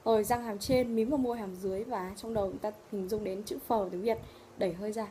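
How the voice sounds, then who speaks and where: A woman with a Vietnamese accent teaching English pronunciation. She explains in Vietnamese and says each English word slowly and loudly. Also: mid-range voice, steady tone, slight background noise. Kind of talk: pronunciation lesson.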